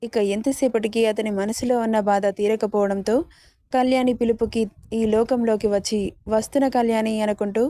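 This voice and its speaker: Flat-voiced woman narrating a romance story. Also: a little high, normal speed, no room sound.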